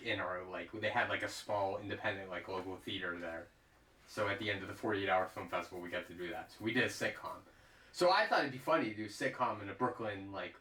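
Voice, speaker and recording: A man's voice: on the low side, sharp tone. A man in casual chat among friends, jokey and rambling, laughing often as he tells stories. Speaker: podcast co-host. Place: room with friends, roomy. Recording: roomy echo, distant mic.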